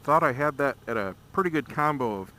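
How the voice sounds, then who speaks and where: A man's voice: mid-range voice, expressive, fairly quick. A man giving casual, rambling ride-along commentary, thinking aloud and explaining things as he records from inside a motorcycle helmet. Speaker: motorcycle vlogger. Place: outdoors at night, riding a motorcycle. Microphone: microphone inside a motorcycle helmet. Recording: loud engine and wind road noise. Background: motorcycle engine and road rush.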